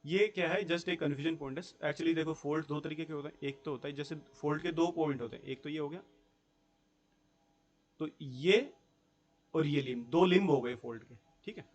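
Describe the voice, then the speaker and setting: Fairly high-voiced male tutor, explaining. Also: normal speed, dull audio. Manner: explains step by step, often checks in with "theek hai" and rhetorical questions; mixes English terms into Hindi speech. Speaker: geography teacher. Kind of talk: Hindi-English online class lecture.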